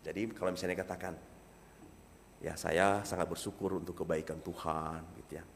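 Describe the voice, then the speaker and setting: A man preaching a sermon to a congregation, animated, swinging from soft asides to loud emphasis. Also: low-pitched, brisk, creaky, big-room sound, slight background noise.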